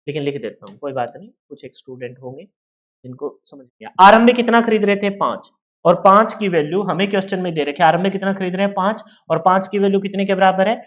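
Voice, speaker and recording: A man's voice: high voice, fast talker, dull audio. Haryanvi-tinged man teaching exam maths. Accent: Haryanvi-tinged Hindi. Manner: explains with everyday shop scenarios, asks students questions. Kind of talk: exam-prep maths lesson.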